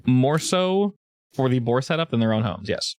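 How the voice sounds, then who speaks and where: A man's voice: mid-range voice, lively intonation, normal speed, no room sound, studio quality, faint music behind. A man running a tabletop game, narrating casually as game master.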